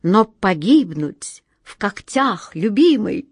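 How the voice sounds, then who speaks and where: A woman reading a storybook, voicing a hapless male cat turned into a mouse, who pleads in a desperate, squeaky voice. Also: big pitch swings, slow, breathy edge, dry recording, heavily acted. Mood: doomed.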